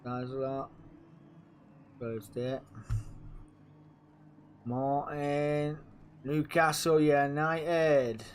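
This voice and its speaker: A man with a croaky, sore-throated voice, chatting casually as host of a racing league stream and talking to himself while he sets things up. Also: fairly high pitch, steady tone, drawn-out words, pauses often, slight background noise. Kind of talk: casual live-stream race commentary.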